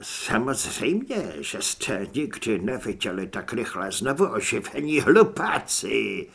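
A man's voice: on the low side, very animated, gravelly, slightly rough, heavily acted. A man voicing a gloating male necromancer who speaks through a dying cultist, mocking and sneering.

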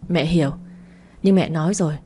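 A woman's voice: low voice, brisk, warm tone, a little hiss or hum, natural voice. A woman voicing a middle-aged mother who soothes and pleads with her injured daughter. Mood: pleading.

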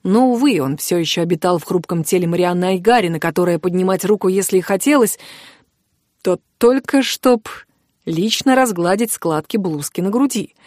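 A woman narrating a first-person fantasy audiobook in a measured, expressive reading. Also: fairly low pitch, no room sound, studio quality.

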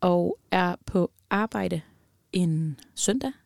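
Gravelly-voiced young Danish-speaking woman. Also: on the low side, no room sound, studio quality. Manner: emotional, animated retelling with many fillers. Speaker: guest. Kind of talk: personal storytelling in a podcast interview.

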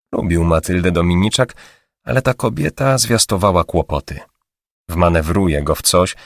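Deep-voiced man narrating an audiobook. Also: dry recording, studio quality. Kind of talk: scripted narration.

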